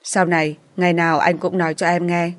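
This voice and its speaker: A woman voicing a devoted young man in a storybook, tender and flustered, close to her own lowish voice. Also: level tone, brisk, natural voice.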